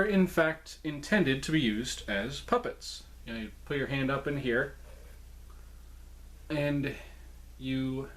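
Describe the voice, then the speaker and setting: A man's voice: mid-range voice, a bit bright. A man giving a casual, informal show-and-tell monologue as a presenter, chatty and often correcting himself as he goes. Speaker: presenter showing a puppet collection.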